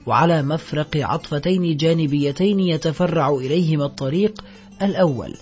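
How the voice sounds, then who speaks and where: A man narrating an audiobook with solemn, measured literary reading, in a dull lo-fi recording with faint music. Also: on the high side, a little mellow.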